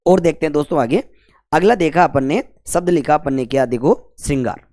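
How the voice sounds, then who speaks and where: A man's voice: on the high side, fairly quick, darkish tone. Male tutor, whiteboard lesson, repeats each question and answer. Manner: repetitive call-and-response questioning, colloquial 'apan'. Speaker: Hindi grammar teacher.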